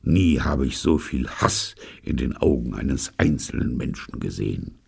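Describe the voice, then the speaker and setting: A man's voice: very deep voice, expressive, unhurried, vocal fry, husky. An older man narrating an audiobook in a dry, wry storytelling manner. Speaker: audiobook reader.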